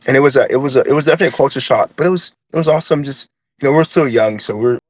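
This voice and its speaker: Talking very fast, this young man offers an earnest personal story in an interview, his light Trinidadian accent reflecting where he grew up, with plenty of fillers and restarts. His medium-pitched voice is a little mellow, and there's no echo.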